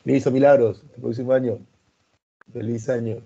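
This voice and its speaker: A man's voice: medium pitch, steady tone, normal speed, gravelly, dark tone, lo-fi sound. A man teaching history in a live online class, greeting students by name and explaining with homely examples in a voice that sounds stern. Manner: sounds stern, which he says is just his natural voice. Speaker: pre-university history teacher.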